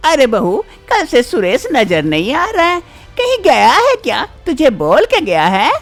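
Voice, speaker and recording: A woman voicing a nosy, bossy middle-aged mother-in-law in an animated story, talking in a brusque, familiar way. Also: high-pitched, measured pace, soft background music, heavily acted. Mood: chiding.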